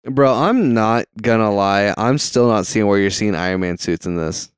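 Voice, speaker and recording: A young man with a stutter chats loosely over a film, full of fillers and casual swearing. His pitch jumps around a lot, and his voice sounds smooth and close on a dry mic. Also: expressive, moderate pace, no echo. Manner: rambling, swears freely, many fillers. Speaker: movie watch-along co-host. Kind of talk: casual chat.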